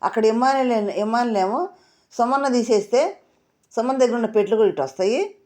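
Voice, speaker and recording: A woman recapping a reality show episode in casual talk, quoting the contestants in a lowered voice. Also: lively intonation, a little fast, warm tone. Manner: retells quotes with lower voice.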